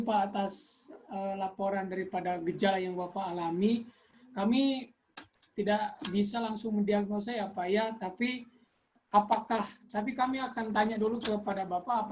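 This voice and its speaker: Casting: woman as telehealth nurse, courteous customer service phone manner, explanatory and somewhat halting, light background noise. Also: medium pitch, a little mellow, close to an everyday voice, rough recording. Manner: polite customer service phrasing, explanatory, halting with repeated words. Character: polite telehealth nurse taking a patient's call. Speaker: telenursing nurse in a practice role-play. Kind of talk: role-played customer service call.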